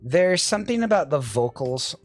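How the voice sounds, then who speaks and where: A man's voice: a little high, very animated, moderate pace. A man giving a casual, wry product review with frequent restarts. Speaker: audio gear reviewer.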